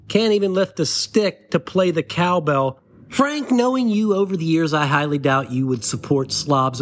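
Comedy podcast host, middle-aged man, slightly high voice, dry sarcastic satire delivered with mock gravity. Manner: mock-serious, sarcastic, addressing a letter writer. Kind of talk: satirical monologue.

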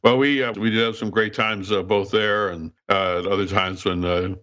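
A man's voice: on the low side, fairly even intonation, moderate pace, fairly bright tone, lo-fi sound. An older man hosting a podcast in a wry, conversational way with florid, tongue-in-cheek wording. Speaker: podcast host.

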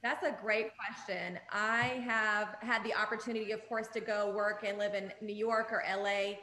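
A woman's voice: mid-range voice, fairly even intonation, moderate pace, bright, forceful tone, echoey room, low-quality recording. A woman born in Jordan, an upbeat, talkative guest speaking over a video call. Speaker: music industry guest. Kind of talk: casual interview.

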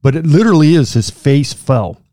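A man's voice: fairly high pitch, expressive, brisk, warm tone, no echo, clean studio sound. A middle-aged man co-hosting a faith podcast, chatting casually, often laughing and repeating his words. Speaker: podcast co-host.

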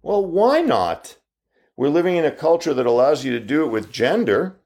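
Fifties guy ranting his opinions, keeps firing off rhetorical questions, pitch shoots up when he pushes back. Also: very animated, normal speed, darkish tone. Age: 50s. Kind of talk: opinion monologue.

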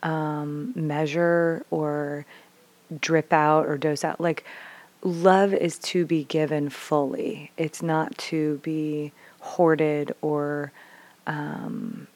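A woman talking as a parent in a casual, reflective way, earnest and thoughtful, often pausing on "like" and "um". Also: low voice, level tone, darkish tone, dry recording. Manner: earnest, thoughtful, speaks with 'like' and 'um'. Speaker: parent sharing experience.

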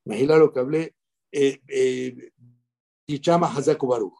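A man's voice: medium pitch, unhurried, vocal fry, a little mellow. A middle-aged man with a Rioplatense Spanish accent, a rabbi giving an emphatic, preachy talk on the weekly Torah portion and repeating his points for weight. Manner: emphatic, preachy, with repetitions and Hebrew phrases. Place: outdoors at sunrise.

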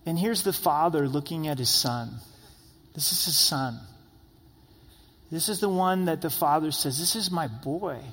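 A man's voice: on the high side, unhurried, long pauses, fairly bright tone. Man preaching in a reverberant hall. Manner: conversational storytelling, asks "right?" often; repeats phrases for emphasis. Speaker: pastor. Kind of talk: sermon.

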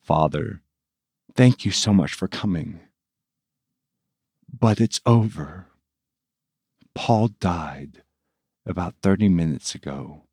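A man's voice: deep voice, takes it slowly, pauses often, darkish tone, slightly rough, no echo, studio quality, pitched below the performer's own voice, full character voice. A man voicing a grieving prince whose son has died, speaking in a subdued, grave way. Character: grieving middle-aged prince, a father.

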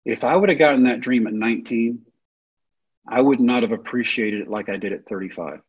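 Guy with a breathy husky voice, vivid storyteller, kinda muffled recording. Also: mid-range voice. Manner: vivid, self-deprecating storyteller. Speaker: guest speaker. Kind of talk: personal storytelling talk. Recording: dull lo-fi recording.

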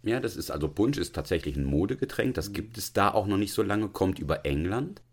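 A man's voice: deep voice, expressive, a little fast, a little hiss or hum. A man co-hosting a literature podcast, reading classic prose expressively and chatting casually. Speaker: podcast co-host.

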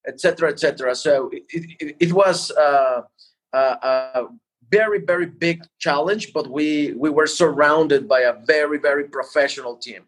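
A man explaining things in an interview as a guest entrepreneur, halting and repeating words as he goes. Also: on the high side. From Mexico.

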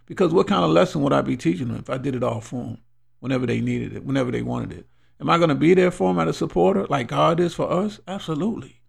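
A middle-aged man hosting a podcast as motivational talk, exhorting listeners emphatically and repeating phrases for weight, in a gravelly, husky voice. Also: fairly high pitch, quick pace. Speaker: podcast host.

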